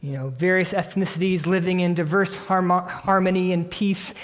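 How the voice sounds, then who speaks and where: A man preaching a sermon, earnest and emphatic, slowing down for dramatic weight on key phrases. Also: high voice, steady tone, a bit bright. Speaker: pastor. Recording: long hall reverb.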